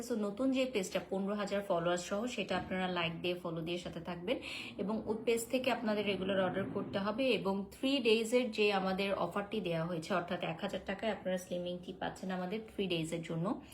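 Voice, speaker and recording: A woman talks through a live sales stream into her phone, chatty and direct, answering viewers one after another. Her voice sits at an ordinary middle pitch, with a faint hiss of background noise under it. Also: fairly quick, fairly bright tone, low-quality recording. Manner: chatty, answers viewer comments, code-switches with English fillers.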